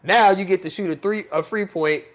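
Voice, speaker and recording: A man in casual, slangy sports banter as a podcast co-host, speaking with animated emphasis. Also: sits high, moderate pace.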